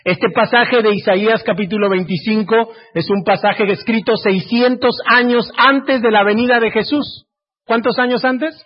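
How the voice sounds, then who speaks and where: A man preaching a sermon who asks the congregation direct questions and swings between loud emphasis and hushed, quiet passages. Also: very high voice. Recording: dull lo-fi recording.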